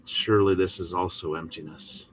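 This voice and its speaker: A man teaching the Bible in a short devotional, speaking in a folksy, emphatic manner with pauses between short phrases. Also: low voice, steady tone, slight background noise.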